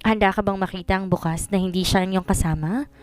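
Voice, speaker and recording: A woman's voice: mid-range voice, fairly even intonation, fast talker, natural voice. A woman voicing a frank young female cousin who lectures firmly. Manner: lecturing, firm.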